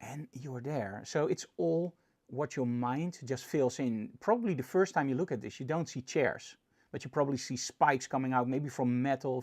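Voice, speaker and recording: A male photography instructor with a Dutch accent talks through a tutorial. He explains with enthusiasm, his voice rising and dropping as he makes each point. The pitch sits in a middle range. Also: a little mellow. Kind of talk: presentation tutorial.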